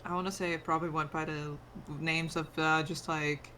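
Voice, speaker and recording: A woman's voice: sits low, flat delivery, normal speed, pushed and bright, a little hiss or hum. A woman acting as game master, casually narrating a tabletop game.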